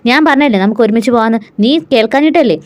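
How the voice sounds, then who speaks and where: A woman's voice: fairly high pitch, quick pace, lightly acted. A woman storyteller voicing a confident young man who talks in a cocky, teasing way.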